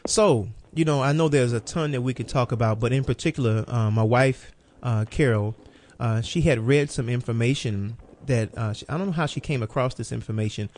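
A man's voice: mid-range voice, brisk, a little mellow, slight background noise. A man hosting a radio program, talking in a casual, rambling way as he sets up questions for a guest. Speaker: radio show host. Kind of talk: radio interview.

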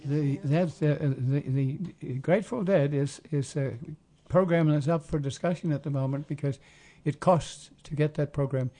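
Halting, mellow male community radio host. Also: fairly high pitch. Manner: halting, rambling, searching for words. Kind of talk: casual community radio talk.

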